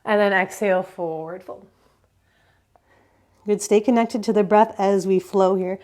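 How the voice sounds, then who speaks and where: A woman teaching a yoga class, giving calm step-by-step cues for breath and movement. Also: mid-range voice, measured pace. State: slightly out of breath at times. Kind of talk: guided yoga class instruction.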